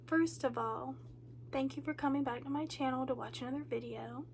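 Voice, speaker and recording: Her voice is high-pitched with vocal fry, and she talks a little fast despite a cold that leaves her nasal, congested, drained and low on energy. This booktuber rambles casually through a reading update vlog, full of ums and likes. There's a faint hiss or hum in the recording.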